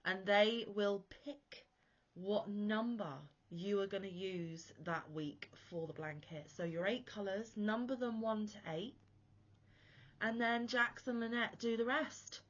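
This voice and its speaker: This crochet channel host talks to camera informally despite being unwell, her chesty, wheezy voice rambling with self-deprecating humor. She speaks slowly at a medium pitch with fairly even intonation, and the recording's highs are cut off.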